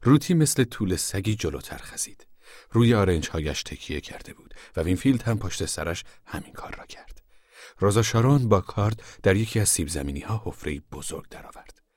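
A man narrating a novel aloud in a steady, hushed storytelling manner. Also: low voice, dry recording, studio quality. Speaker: audiobook narrator. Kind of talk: scripted narration.

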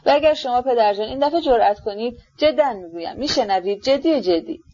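A woman's voice: animated, mellow, lo-fi sound. A woman doing a fiery proud young woman. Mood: vehement. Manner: vehement, high-pitched outbursts.

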